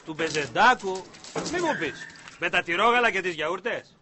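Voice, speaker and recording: An actor playing a nosy, jovial visitor from the countryside who quizzes a stranger in a sitcom. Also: male voice, sits high, lively intonation, noisy background. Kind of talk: sitcom acting.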